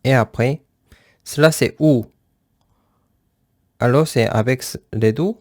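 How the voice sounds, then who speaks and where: A man teaching a beginner language lesson, speaking slowly and patiently, repeating each syllable twice as he writes and explains step by step. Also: medium pitch, a little mellow, no room sound, clean studio sound. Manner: simple plain phrasing, explains step by step.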